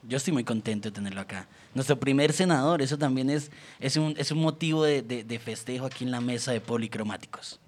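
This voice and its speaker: A man's voice: medium pitch, brisk, hardly any pauses. Male host, casual and friendly, loose phrasing. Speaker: talk show host. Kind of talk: casual interview talk.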